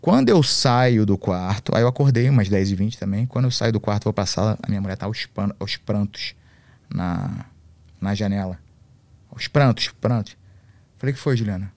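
A man's voice: fairly low pitch, lively intonation, moderate pace, a little mellow, no echo. A man, a podcast guest and MMA coach, telling a story in slangy, swear-filled casual talk.

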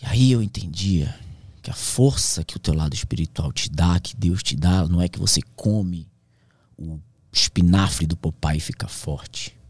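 A man's voice: deep voice, normal speed, a little mellow, husky, dry recording. A man, a pilot who is a podcast guest, telling his survival story in a slangy, intense way that sometimes drops to a whisper. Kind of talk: emotional storytelling in casual conversation.

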